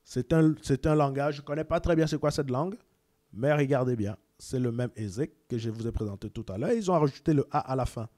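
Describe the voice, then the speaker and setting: A man's voice: medium pitch, a little fast, dark tone, no room sound, clean studio sound. A man from Cameroon talks casually to viewers, repeating words and sending greetings as he explains. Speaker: video presenter.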